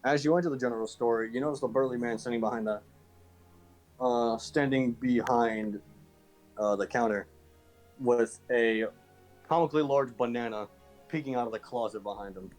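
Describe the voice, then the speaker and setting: A man runs a tabletop game as game master, talking over an online call. His narration is halting, full of restarts and fillers, at an ordinary middle pitch. Soft music plays faintly underneath. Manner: hesitant, with many restarts.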